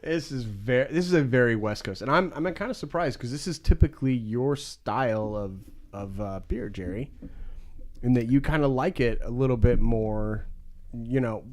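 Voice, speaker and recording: A man's voice: mid-range voice, moderate pace, a little mellow. A man co-hosting a beer podcast in casual chat, friendly as he thanks listeners. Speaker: podcast co-host.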